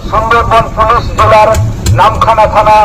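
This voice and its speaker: A man giving a formal, measured police warning announcement over an outdoor public address system, instructing listeners. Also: high-pitched, little pitch movement. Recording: noisy outdoor street recording with vehicle sounds.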